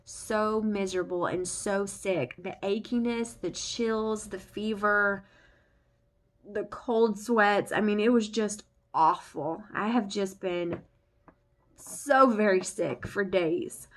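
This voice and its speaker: A young family vlogger chats casually to the camera, rambling with lots of fillers in a mid-range voice at a slow pace. She still sounds congested from the flu.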